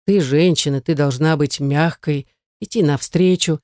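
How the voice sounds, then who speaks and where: A reader playing a stern, domineering husband who talks in firm, clipped commands. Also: male voice, a little high, steady tone, a little slow, a little mellow, no room sound, clean studio sound, close to an everyday voice. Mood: coaxing.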